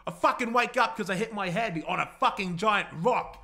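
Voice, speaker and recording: A man telling a wild story in character, excitable and swearing a lot, often bursting into shouts. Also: sits high, moderate pace.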